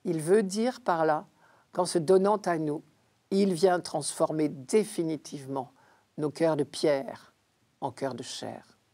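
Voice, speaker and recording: A woman reading scripture aloud and commenting on it in a measured, deliberate way, slowing down to stress key phrases. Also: low voice, warm tone, slight background noise. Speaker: Bible commentator.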